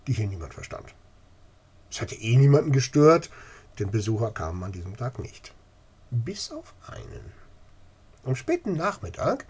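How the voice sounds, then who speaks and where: A man reading a storybook aloud with expressive narration. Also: lowish voice, breathy edge.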